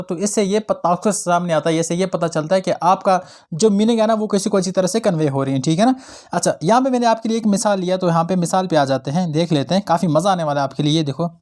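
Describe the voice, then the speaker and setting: High-voiced young man teaching grammar. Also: darkish tone. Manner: explains in Hindi-English mix, repeats "ठीक है ना". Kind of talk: online grammar lesson.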